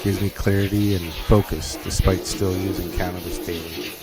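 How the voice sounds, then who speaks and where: A man with a fairly low voice and very little pitch movement reflects candidly on himself. He speaks as a vlogger, in terse, clipped phrases. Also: flat delivery, moderate pace, over loud music, low-quality recording. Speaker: vlogger doing a cold shower challenge.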